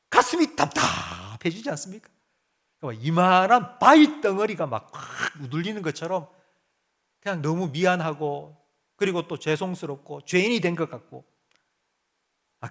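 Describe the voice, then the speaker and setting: A man preaching a sermon as pastor, asking the congregation direct questions and moving between loud urgent appeals and quiet low murmurs.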